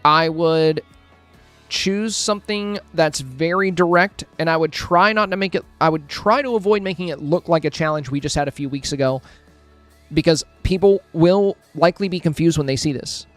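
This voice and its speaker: A man's voice: a little high, moderate pace, fairly bright tone, dry recording. A man with a slightly raised voice chats through friendly critiques of game screenshots on a live stream, thinking aloud with fillers and restarts. He sits close to a dry mic, with faint music playing underneath. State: hiccuping, with a headache. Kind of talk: casual live-stream review commentary.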